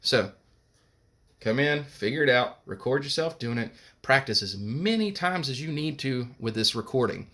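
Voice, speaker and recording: A man's voice: medium pitch, lively intonation, moderate pace, fairly bright tone. A man teaching a recorded music lesson. He talks patiently, explains each step and sings solfege syllables.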